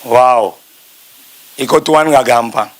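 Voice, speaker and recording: A middle-aged man, a pastor, preaching a storytelling testimony sermon that swings between loud and soft while he addresses the congregation directly. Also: medium pitch, slow.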